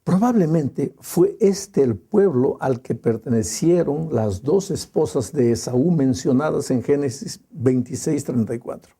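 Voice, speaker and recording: A male pastor preaching a sermon in a slow, emphatic way with dramatic pauses. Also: medium pitch, animated, mellow, breathy edge.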